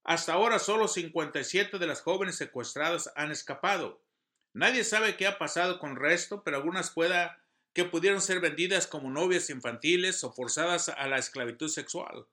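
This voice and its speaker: A man's voice: a little high, a little fast, bright, forceful tone. A man giving an earnest devotional sermon, reading scripture and news with emphasis. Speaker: preacher.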